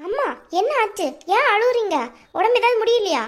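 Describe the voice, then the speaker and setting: Woman as a dutiful young daughter; southern Tamil Nadu accent, earnest, very high and fast. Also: a bit bright. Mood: pleading. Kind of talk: cartoon voice acting.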